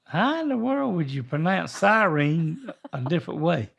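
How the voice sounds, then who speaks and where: A man's voice: fairly high pitch, very animated, moderate pace, vocal fry, a bit bright. An older man with a Southern US accent, chatting casually as a co-host in a folksy, rambling drawl. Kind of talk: casual chat.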